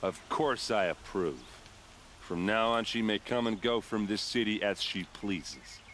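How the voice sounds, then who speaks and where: An actor playing a bitter, tipsy guard captain in grief in a video game, gruff and halting. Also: male voice, on the low side, fairly bright tone, slight background noise. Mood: commanding.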